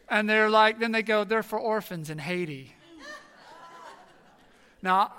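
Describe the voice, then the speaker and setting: A male pastor in his thirties delivers a sermon with a high, bright, forceful voice. He tells his story earnestly, dropping to a near hush and then rising to loud emphasis. His words carry a long reverb from a large sanctuary. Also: clean tone. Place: church sanctuary.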